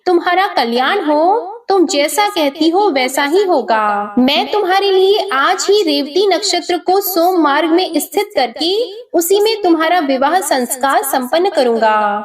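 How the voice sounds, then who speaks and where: A woman reading a calm elderly sage. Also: extremely high pitch, a little slow, hardly any pauses, distant mic. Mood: solemn.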